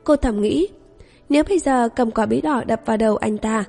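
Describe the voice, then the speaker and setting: Woman audiobook narrator, steady, fairly high, husky, long reverb, faint music. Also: fairly quick. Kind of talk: scripted narration.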